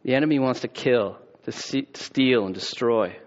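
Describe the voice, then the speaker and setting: Man, pastor, conversational sermon, rhetorical questions, middle pitch, slightly muffled recording. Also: normal speed. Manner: conversational preaching with filler words and rhetorical questions.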